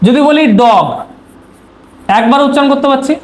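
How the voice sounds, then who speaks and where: In an exam-prep grammar lesson, this man poses questions and then answers them, drilling key terms through repetition. He speaks at a moderate pace in an extremely high pitch, and the recording has a roomy echo with faint noise.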